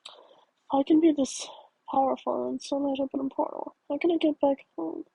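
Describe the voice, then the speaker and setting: A woman's voice: high-pitched, steady tone, normal speed, gravelly, warm tone, no room sound, low-quality recording. A woman voicing the story's stranded, frustrated young heroine with a defiant edge, in her own reading voice.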